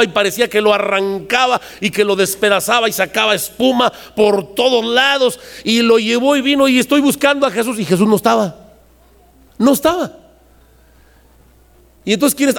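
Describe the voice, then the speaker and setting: A man preaching a sermon in a lively, storytelling way, acting out the voices of the people in his stories. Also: extremely high pitch, vocal fry. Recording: long hall reverb.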